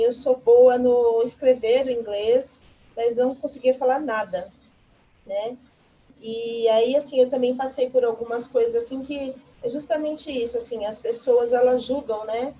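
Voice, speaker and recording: A woman guest on a live stream, a student talking about learning in an earnest, reflective and halting way. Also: fairly high pitch, mellow, low-quality recording.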